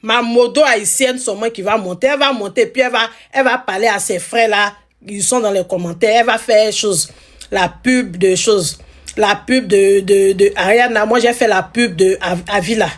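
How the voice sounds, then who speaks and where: Hosting a live stream, a woman from Ivory Coast teases and scolds her viewers in a playful way, repeating phrases again and again. Her voice sits at a medium pitch and moves at a normal speed.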